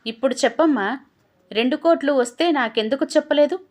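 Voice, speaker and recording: A woman voicing a sharp-tongued young wife who sounds demanding and quick to anger. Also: high voice, pitched above the performer's own voice, natural voice.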